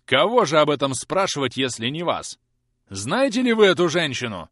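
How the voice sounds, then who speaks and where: A man reading an audiobook aloud, voicing a stern, pompous wealthy gentleman who speaks in a cold, commanding tone. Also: fairly high pitch, very animated, moderate pace, no room sound, clean studio sound, voice pushed up. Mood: indignant. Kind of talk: audiobook character voice.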